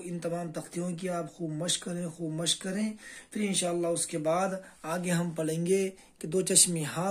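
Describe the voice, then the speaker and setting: Patient man drilling Urdu syllables. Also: high-pitched. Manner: slow, patient drilling, repeating each syllable. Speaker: Urdu teacher. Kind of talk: beginner language lesson, reading letter drills.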